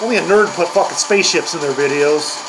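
A man's voice: a little high, quick pace, poor audio. Profane grumbling older man ranting over metal. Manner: crude, profane, mocking grumbling. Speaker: reaction video host. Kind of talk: comedic reaction rant. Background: heavy metal music playing.

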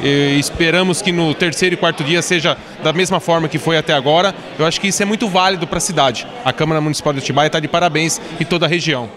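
A man councilor answering an interview in a council chamber, brisk and congratulatory, into a held mic. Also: a little high, fairly even intonation. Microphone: handheld mic held by interviewer. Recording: crowd chatter behind.

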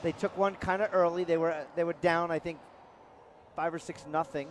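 A man with a New York accent calls the action as a sports commentator. His voice sits fairly high, and he talks in an easygoing, chatty way while breaking down each play. A clear layer of noise runs under the recording. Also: steady tone, normal speed. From New York area. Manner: chatty, laughing easily, explaining plays.

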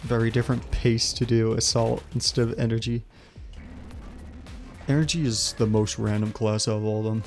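Guy with a gravelly voice talking to himself while gaming, bit of game music behind. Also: mid-range voice, flat delivery, moderate pace. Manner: thinking aloud, muttering to himself. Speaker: streamer playing a game. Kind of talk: casual gameplay commentary.

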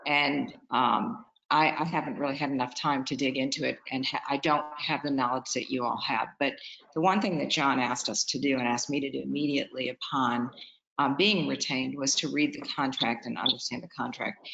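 Dull video-call sound carries a woman with a very low, gravelly voice. She addresses a meeting as an attorney, politely and with some hesitation. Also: fairly even intonation, moderate pace, a bit bright, echoey room. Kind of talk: public meeting remarks.

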